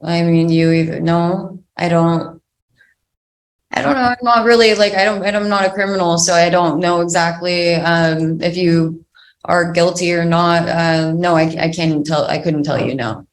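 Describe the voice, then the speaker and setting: Woman defendant talking real slow and halting, kinda defensive, echoey room. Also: on the low side, steady tone. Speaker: defendant in court. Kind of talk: answering a judge's questions. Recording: echoey courtroom.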